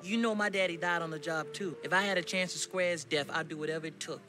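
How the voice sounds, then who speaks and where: An actor playing a brash, fast-talking male cop who boasts in street slang. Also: on the high side, music in the background, lightly acted. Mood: scheming. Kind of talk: film dialogue.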